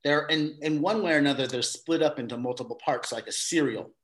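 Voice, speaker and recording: On an interview show, a middle-aged male guest with a fairly high pitch speaks fairly quickly. He describes his theater company's new work casually and ramblingly, frequently breaking off to restart sentences.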